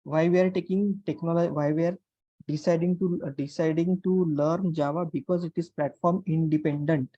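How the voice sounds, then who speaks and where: Over an online class call microphone, this programming instructor walks students through material one step at a time in Indian-accented English. The voice is mid-range, steady, warm and moderately paced. He repeats phrases and checks in with questions, and the recording is dry and muffled.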